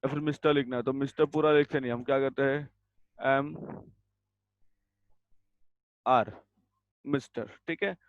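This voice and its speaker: A man teaching a grammar lesson over a video call, giving slow, deliberate definitions and sternly telling students to mute. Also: mid-range voice, no room sound. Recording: dull lo-fi video call audio.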